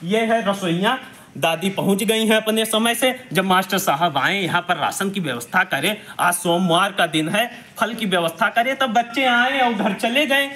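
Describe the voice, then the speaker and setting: Indignant high-voiced man reporting. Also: moderate pace, roomy sound. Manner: indignant, emphatic, loud denunciation. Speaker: social activist reporter. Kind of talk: on-the-spot investigative video report. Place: village primary school grounds, walking around.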